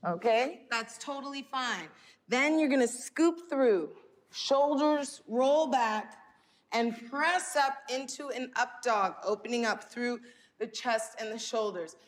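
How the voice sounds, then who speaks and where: A woman's voice: a little high, takes it slowly. A woman fitness instructor speaking while exercising, guiding a stretching workout with timed breathing cues and encouragement. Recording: long hall-like reverb.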